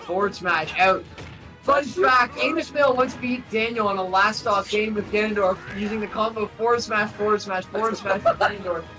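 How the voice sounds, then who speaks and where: Young male esports commentator, high voice, excitable shouter, music in the background. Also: a little fast, few pauses, rough recording. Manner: excitable, bursts into loud shouts.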